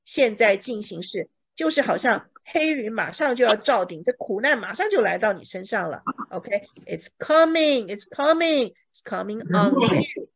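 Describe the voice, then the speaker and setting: A woman's voice: mid-range voice, expressive, moderate pace, hardly any pauses, slightly rough. A woman teaching a bible English lesson in Mandarin, explaining each word and checking with her students. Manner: acts out examples dramatically.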